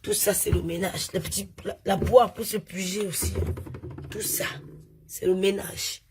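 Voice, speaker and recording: A woman's voice: mid-range voice, fairly even intonation, measured pace, noisy background. A woman streaming live from home on her phone, chatting with followers, showing items to the camera and scolding viewers who comment. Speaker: social media influencer.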